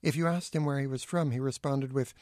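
A middle-aged man reading his own essay aloud with acerbic, deadpan wit. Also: medium pitch, fairly quick, no room sound, clean studio sound. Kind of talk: dry witty essay reading.

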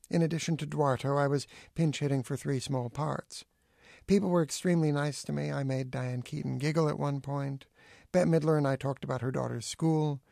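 Deadpan man reading his own essay. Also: fairly high pitch, vocal fry, no echo, clean studio sound. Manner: acerbic, deadpan wit. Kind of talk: dry witty essay reading.

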